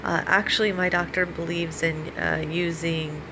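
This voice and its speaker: Lower-pitched American woman vlogging over noise. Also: normal speed. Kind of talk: casual vlog talk with practical advice. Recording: clearly audible steady background noise.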